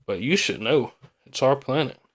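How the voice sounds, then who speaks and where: A man's voice: medium pitch, expressive, normal speed, fairly bright tone. A man hosting a podcast in a casual, rambling, colloquial way, often repeating himself. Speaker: podcast host.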